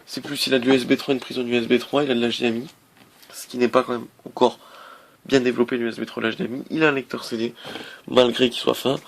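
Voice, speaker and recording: A man's voice: medium pitch, level tone, fast, creaky, slight background noise. A man casually reviewing a laptop on camera, hesitant, with many fillers and restarts. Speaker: tech reviewer.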